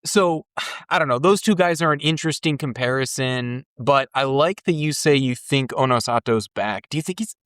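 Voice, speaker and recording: A man hosting a casual chat, eager and animated, quick to agree and jump in. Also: medium pitch, dry recording, studio quality. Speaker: podcast host.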